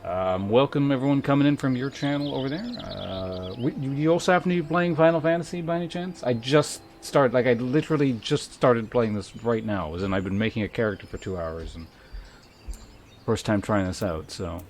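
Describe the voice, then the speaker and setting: Game music plays as a male streamer chats briskly in a mid-range, slightly mellow voice. He thinks aloud while playing, wandering from topic to topic and swearing now and then.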